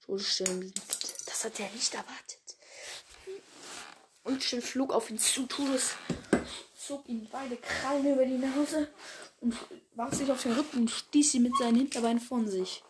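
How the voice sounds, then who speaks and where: A woman's voice: a little high, unhurried, background noise. A woman reading her own animal fan story aloud, often stumbling and correcting herself, with casual slangy asides. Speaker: story reader.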